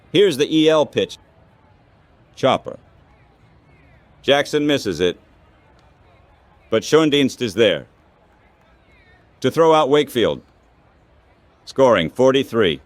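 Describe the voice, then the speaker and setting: A very animated, mid-range synthetic male voice calls baseball radio play-by-play in short, clipped phrases. It goes slowly, pausing often, on a dry recording.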